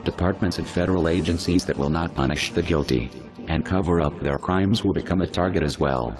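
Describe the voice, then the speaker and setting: Disguised, very deep, menacing male voice. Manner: slow, measured, menacing. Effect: voice disguised, pitched down very deep. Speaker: spokesperson for a hacker collective. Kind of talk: scripted threatening statement. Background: music.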